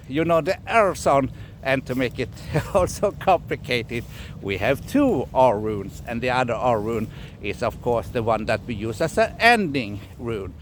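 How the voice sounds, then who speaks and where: Halting man explaining runes. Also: fairly high pitch, slight background noise. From Scandinavia. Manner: halting, repeats words, laughs often. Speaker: runologist teacher. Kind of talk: casual explanatory lesson.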